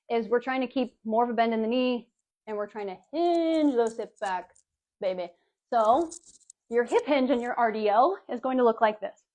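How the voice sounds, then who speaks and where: A woman fitness coach giving a casual live workout demonstration, chatty and breezy, calling her viewers baby and girlies. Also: on the high side. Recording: dull lo-fi livestream audio.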